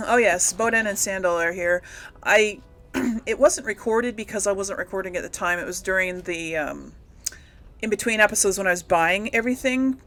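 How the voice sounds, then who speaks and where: Hosting a casual gameplay video, a woman thinks aloud while she plays, offering relaxed role-play game commentary. Her voice is mid-range and fairly bright, at a moderate pace.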